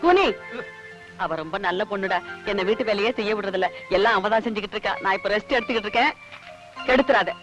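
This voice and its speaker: A woman's voice: medium pitch, lively intonation, fast, a bit bright, faint music behind, close to an everyday voice. An actress playing a fussy, teasing middle-aged mother who talks in a chatty, wheedling way. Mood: doting.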